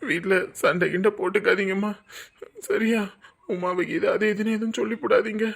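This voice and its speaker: A man plays a dutiful young village man with a husky, gravelly voice. He reassures his family gently and keeps checking that they agree. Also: sits high, steady tone, moderate pace, exaggerated voice. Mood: reassuring. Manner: gentle, reassuring, repeats "சரியா?". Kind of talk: web drama acting.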